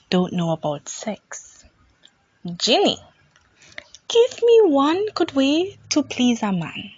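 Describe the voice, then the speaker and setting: A woman's voice: fairly high pitch, no echo, highs cut off. A woman giving a blunt, sarcastic rant while reviewing a TV show.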